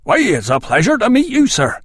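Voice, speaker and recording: A man doing an earnest, excitable farmer. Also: sits high, a little fast, breathy edge, no room sound, studio quality, pitched above the performer's own voice, heavily acted. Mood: eager. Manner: eager, awed, excitable. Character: earnest male farmer, a rough countryman.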